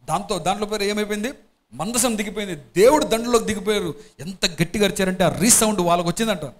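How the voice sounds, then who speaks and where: A high-pitched man delivers a sermon, reading scripture passages slowly and emphatically. Between readings he breaks into lively, questioning explanation for his listeners. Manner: reads scripture slowly and loudly, then explains in lively chat; asks the congregation questions often. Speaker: pastor. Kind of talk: expository Bible sermon.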